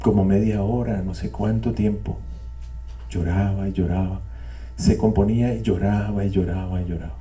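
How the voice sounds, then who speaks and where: A man's voice: low-pitched, fairly even intonation, moderate pace, mellow, distant mic. An older man sharing a reflective, repetitive testimony with a live audience, with wry digressions. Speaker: speaker at a spiritual community gathering. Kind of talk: reflective testimony talk to a group. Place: meeting room with a live audience.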